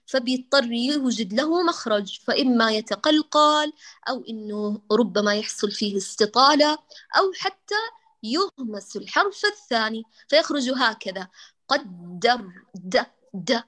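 A woman leads a Quran recitation lesson, her voice sitting a little high. She explains patiently, demonstrating each letter sound again and again, and addresses her students with warm terms of endearment. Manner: affectionate, addresses students as dears. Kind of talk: online class, tajweed correction lesson.

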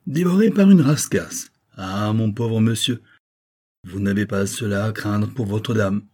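Man as sly old sailor, low husky drawl. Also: flat delivery, a little slow. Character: mischievous old male sailor, sly and mocking.

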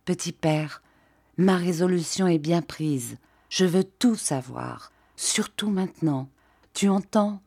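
A woman's voice: on the low side, slow pace, creaky, darkish tone, breathy edge, no room sound, exaggerated voice. Woman voicing a distraught young wife. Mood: determined. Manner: insistent, emotional.

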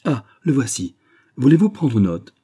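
A man voicing an effusive, flattering middle-aged male bank sub-director in an audiobook reading. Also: mid-range voice, a little slow, pitched above the performer's own voice. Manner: gushing, emphatic, flattering.

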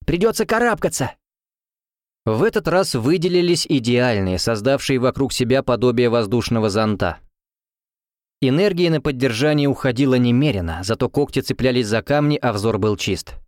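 A man narrating a fantasy novel as an audiobook reader, in an even, measured storytelling manner. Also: mid-range voice, no echo. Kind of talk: scripted narration. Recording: dry close recording.

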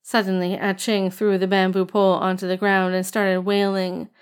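A woman's voice: mid-range voice, clear, resonant tone. Woman narrating an audiobook steadily. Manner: steady, measured storytelling. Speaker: audiobook reader. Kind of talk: scripted narration.

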